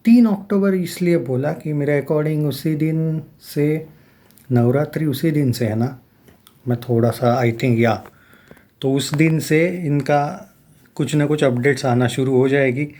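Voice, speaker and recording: Rambling young man, mellow voice. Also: a little high, slow. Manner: rambling, with many fillers and restarts. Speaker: film news YouTuber. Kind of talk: casual film commentary.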